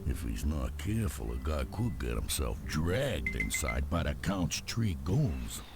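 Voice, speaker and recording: Very deep, gravelly cartoon tough guy. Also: sing-song, measured pace, full character voice. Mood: sardonic, disdainful. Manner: swaggering, sneering, slangy. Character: seedy, cynical tough-guy bowling alley boss, cartoon. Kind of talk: cartoon adventure game acting. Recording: loud music behind the voice.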